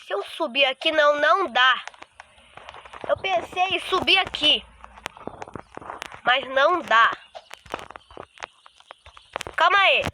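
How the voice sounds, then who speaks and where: High-pitched excitable Brazilian gamer girl. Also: takes it slowly, pauses often, rough recording. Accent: Brazilian Portuguese. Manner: excitable, taunting, chatty with viewers. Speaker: gaming YouTuber. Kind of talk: gameplay commentary. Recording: loud background noise.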